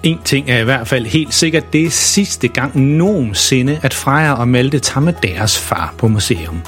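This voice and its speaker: A man narrating a funny children's story in a playful, lively way. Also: medium pitch, soft background music.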